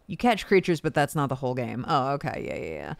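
A woman's voice: a bass voice, very animated, fast, vocal fry, no echo. A woman giving casual livestream commentary as she plays a game. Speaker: game streamer, voice actor.

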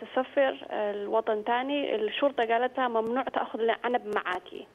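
A woman from the Netherlands is calling in by phone. She has a slightly high voice and speaks quickly between halting searches for words in broken, speech. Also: fairly even intonation, phone-quality sound. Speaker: phone-in caller. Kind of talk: casual recounting. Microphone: telephone.

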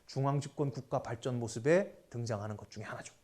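A man's voice: medium pitch, fast talker, a little mellow. A man giving a history lecture, asking his students rhetorical questions and mixing polite and casual speech. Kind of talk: lively classroom lecture.

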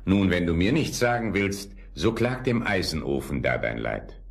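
A man voicing a kindly old king in a fairy-tale radio play, speaking softly and coaxingly, in a fatherly way. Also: low voice, animated, normal speed. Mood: gentle.

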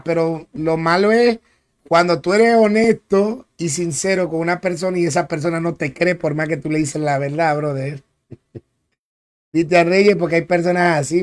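A young man streaming a game live, chatting in a laid-back way, repeating himself and greeting viewers by name. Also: sits high. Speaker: gaming streamer.

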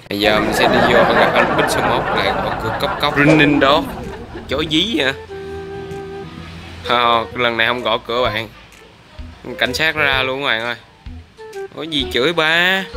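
A young man giving excitable, profanity-laced commentary while playing a video game and chatting to viewers. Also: mid-range voice. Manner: excitable, swears a lot, talks to viewers. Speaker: gameplay YouTuber. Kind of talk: let's play commentary. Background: background music.

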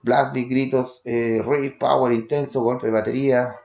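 A man's voice: mid-range voice, little pitch movement, unhurried, vocal fry, darkish tone, echoey room, dull audio. A man from Chile reviewing old metal demos, calling out riffs and drums in short word lists. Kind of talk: spoken demo review over music.

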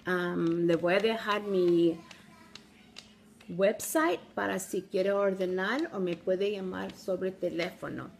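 A middle-aged woman with gives a casual, halting step-by-step product demo, recorded on a phone at arm's length at home. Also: on the low side, fairly even intonation, creaky, slight background noise. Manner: halting, simple step-by-step instruction. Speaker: product demonstrator. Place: small room at home, indoors.

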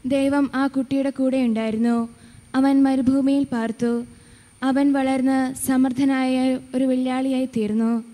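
High-voiced woman reading scripture. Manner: steady measured reading. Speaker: lector. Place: church. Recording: reverberant church hall.

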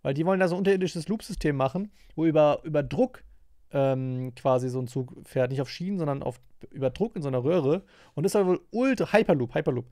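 A man reacting to a video on a stream, rambling through his thoughts with many fillers. His voice is a little high and gravelly. The sound is close and dry, with no room echo. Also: mellow. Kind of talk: casual reaction commentary.

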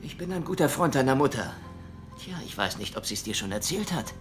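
Menacing male impostor agent played by a man, smooth and taunting, film dub with heavy score behind. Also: mid-range voice, very animated, a little fast, reverberant, over music, lightly acted. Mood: creepily coaxing. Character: menacing bald male villain posing as federal agent. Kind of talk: dubbed film thriller acting.

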